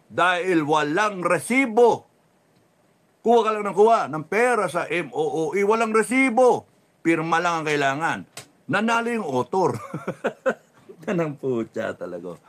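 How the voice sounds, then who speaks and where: A middle-aged Filipino man hosting a casual livestream, reading viewer comments, laughing often and dropping to a low mutter after his jokes. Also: fairly bright tone. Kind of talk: casual livestream talk, mixing Tagalog and English.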